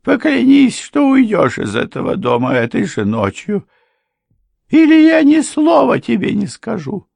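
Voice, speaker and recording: A bitter, weeping older housekeeper who lashes out at her husband, with a male reader putting her on. The voice is high, loud and strained, with a dry close sound. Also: wildly swooping pitch, measured pace, gravelly, breathy edge, no room sound, exaggerated voice. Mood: tearful. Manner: crying, shrill, accusing.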